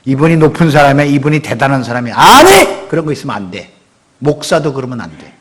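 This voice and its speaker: A middle-aged man preaching a sermon as pastor, talking conversationally and acting out quotes with sudden loud outbursts. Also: mid-range voice, quick pace. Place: church sanctuary.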